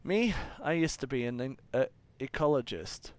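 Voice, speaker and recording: A man's voice: medium pitch, expressive, measured pace, a little mellow, dry recording. A young man from Australia who streams games, reading in-game text aloud and tossing in offhand, sardonic asides with casual swearing.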